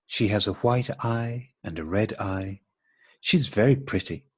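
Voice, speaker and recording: A male actor with a lowish, husky voice plays a courteous, very proper married man in an absurdist stage dialogue performed as radio drama. His delivery is unhurried and deliberate, formal and full of repetitive politeness. He sounds bemused as he pieces together a coincidence.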